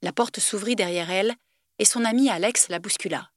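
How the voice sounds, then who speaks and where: A woman narrating a novel aloud in an expressive, lively audiobook style. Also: mid-range voice, brisk, dry recording, studio quality. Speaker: reader.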